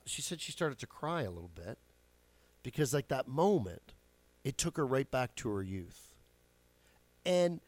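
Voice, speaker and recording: A man's voice: mid-range voice, a little mellow. A man in his forties hosting a show, telling stories in a chatty, casual way, swearing now and then and laughing at his own jokes. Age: 40s. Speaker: radio show host. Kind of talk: casual storytelling monologue.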